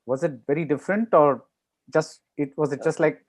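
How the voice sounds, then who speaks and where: A middle-aged man puts questions in a conversational interview style. His voice is a little higher than average for a man. He speaks over a video call. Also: fairly quick. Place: indoor room with bookshelves, video call.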